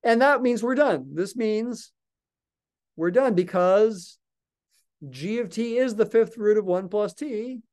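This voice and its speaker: This older math lecturer, seated at a desk in a small office, records a calculus lecture, speaking patiently and thinking out loud while he writes. His voice sits high with a darkish tone, and he takes things slowly.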